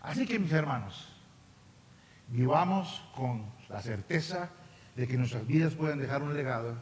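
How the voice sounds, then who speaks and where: A man preaching as a guest speaker, telling a story with lively acted-out dialogue, then leading a prayer. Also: medium pitch, moderate pace. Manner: animated storytelling, acting out dialogue. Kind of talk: storytelling sermon. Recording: reverberant hall, faint background noise.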